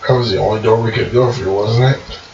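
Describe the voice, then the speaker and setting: Gravelly guy at the d&d table, lively voice, muffled noisy recording. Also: on the low side, brisk, reverberant. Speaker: player.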